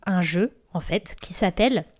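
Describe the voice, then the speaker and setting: A woman's voice: fairly low pitch, animated, normal speed, a little mellow. Playful young woman in casual chat. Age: young adult. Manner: playful, teasing. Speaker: podcast co-host.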